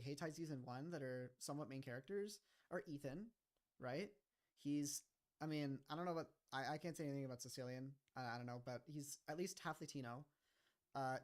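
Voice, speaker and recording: A young man streaming live, chatting casually about his own series and rambling with lots of "like" and "kinda". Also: a little high. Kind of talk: casual livestream chat.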